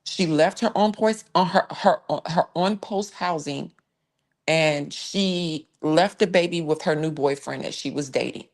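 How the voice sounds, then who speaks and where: A woman with a deep, low-set voice runs a casual true crime live stream. She talks bluntly and with emphasis, sighing and restarting as she goes, and breaks off to greet viewers and thank them for comments.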